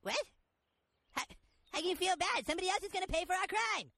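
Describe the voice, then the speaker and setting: Shrill bratty cartoon kid, smug, whiny, gravelly edge, bright tense tone. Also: male voice, lively intonation, quick pace, no echo, full character voice. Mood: incredulous. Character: bratty, scheming, self-satisfied cartoon boy. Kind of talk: cartoon voice acting.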